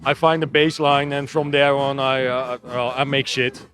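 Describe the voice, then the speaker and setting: A Dutch man from the Netherlands, a techno DJ and producer, answers questions in a casual interview with a Dutch accent. His mid-range voice is steady and a bit bright, moving at a moderate pace, though his answers are hesitant and full of restarts.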